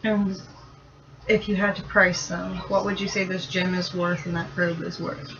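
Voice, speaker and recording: Woman playing d&d, chill questions, lowish voice, muffled mic. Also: flat delivery, normal speed. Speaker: player. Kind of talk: casual tabletop role-play. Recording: dull low-fi sound with faint noise.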